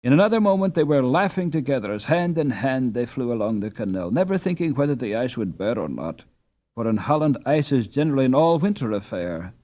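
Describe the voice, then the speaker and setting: A male audiobook narrator with a medium-pitched voice reads a story aloud in an expressive, dramatic storytelling manner.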